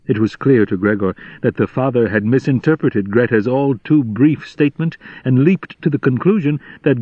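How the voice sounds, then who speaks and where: Measured male audiobook narrator. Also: mid-range voice, dry recording, muffled recording. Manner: measured, deliberate reading. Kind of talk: scripted literary narration.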